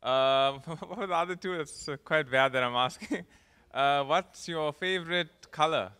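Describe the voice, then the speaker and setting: A man in his twenties answers questions from the floor. His voice is bright and very clear, and he hesitates with filler sounds between his answers. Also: fairly high pitch, a little slow. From South Africa. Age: 20s. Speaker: audience volunteer, student.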